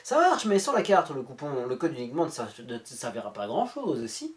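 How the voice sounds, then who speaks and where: A woman reads a scam conversation aloud with comic asides, her pitch swinging widely from line to line. She slips in and out of mock voices and drops casual swear words. The tone is sarcastic throughout. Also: wildly swooping pitch, brisk. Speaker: YouTuber.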